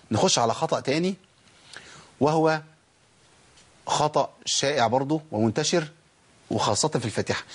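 A man's voice: mid-range voice, husky. Egyptian male tajweed teacher with a mid-range voice who drills his class with call and repeat. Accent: Egyptian Arabic. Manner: drills students with call-and-repeat, asks and answers his own questions. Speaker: Quran recitation teacher. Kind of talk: Egyptian colloquial tajweed lesson.

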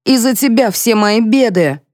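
A woman's voice: on the high side, darkish tone, dry recording, studio quality, pitched above the performer's own voice, close to an everyday voice. A woman reading a vengeful, screaming middle-aged woman who demands money, in an audiobook. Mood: furious. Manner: screaming, demanding, raised and drawn-out. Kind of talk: audiobook character voice.

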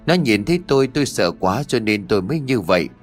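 A man's voice: on the low side, lively intonation, fast talker, faint music behind. A man voicing a frightened elderly grandmother in a storybook ghost tale, speaking in a shaken, insistent way.

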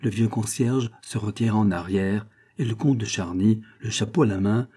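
A male audiobook narrator giving a measured, dramatic reading of a classic novel. His voice sits low and dark, with a husky, slightly breathy grain. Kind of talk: scripted narration.

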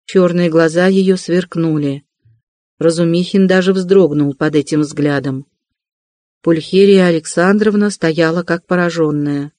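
A measured audiobook narrator reading a classic novel in an even voice. The sound is dry and close, with no room echo. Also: mid-range voice. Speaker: audiobook reader.

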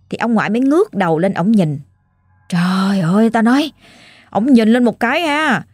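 A woman with a Southern Vietnamese accent retelling a family ghost story, lively and full of folksy exclamations. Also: medium pitch, dry recording.

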